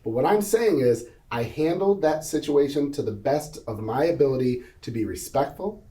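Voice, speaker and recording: A man's voice: medium pitch, lively intonation, normal speed, warm tone, recorded from a distance. A man on a business panel telling a personal story in an earnest, vivid way, acting out each voice of the conversation. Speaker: panel guest. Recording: roomy sound from off mic.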